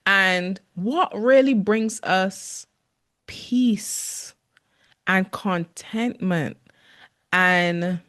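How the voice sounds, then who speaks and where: A woman's voice: medium pitch, extremely slow, a bit bright. A woman in her forties hosting her own podcast, talking earnestly in a reflective monologue, laughing often and drawing out words for emphasis. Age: 40s. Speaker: podcast host.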